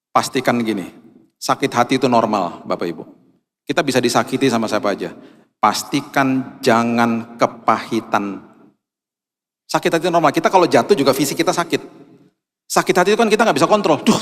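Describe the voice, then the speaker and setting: A male pastor preaching a sermon, telling a personal story with lively acted-out dialogue and English words mixed in. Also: mid-range voice. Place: church. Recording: long church hall reverb.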